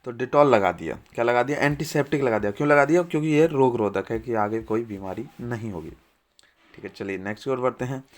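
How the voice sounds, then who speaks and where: A man's voice: mid-range voice, brisk. A young man teaching English vocabulary in Hindi, repeating each word and asking the class quiz-style questions. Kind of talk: vocabulary lesson.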